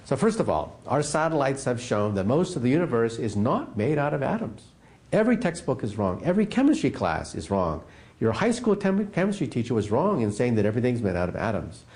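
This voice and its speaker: A man from the United States, a physicist guest in an interview, explaining science as an animated, emphatic storyteller. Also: mid-range voice, fairly quick.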